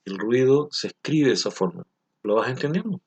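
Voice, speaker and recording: A man's voice: medium pitch, expressive, darkish tone, breathy edge. A man teaching a recorded lesson, explaining things patiently and often stopping to ask whether the listener follows. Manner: patient, explains slowly, asks frequent check questions. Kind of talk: recorded language lesson for children.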